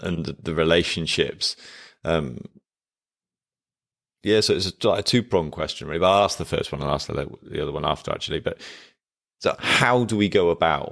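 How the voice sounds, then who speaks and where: A man hosting an interview, asking halting questions and often restarting them. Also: extremely low pitch, gravelly, fairly bright tone. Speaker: podcast host.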